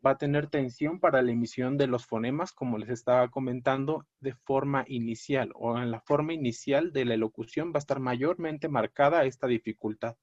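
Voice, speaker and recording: A man's voice: mid-range voice, brisk, hardly any pauses, darkish tone, no echo. Man, lecturer, self-correcting, dull dry recording. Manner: explanatory, with frequent fillers and self-corrections.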